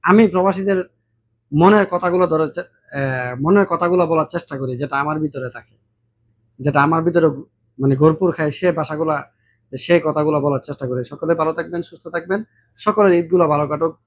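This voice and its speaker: A man speaks in a casual vlog monologue, his voice sitting a little high. He talks warmly and keeps sliding into imitations of other regional dialects. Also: a little fast, pauses often, dull audio, slight background noise. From Brahmanbaria, Bangladesh. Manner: mimics regional dialects, animated and warm-hearted. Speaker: vlogger.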